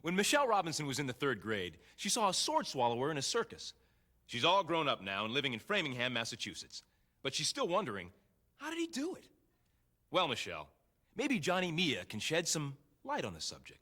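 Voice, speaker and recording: A man's voice: fairly high pitch, huge pitch swings, brisk, pushed and bright, no echo, studio quality. A man hosting and narrating a TV show in a scripted, playful, wry way. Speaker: host.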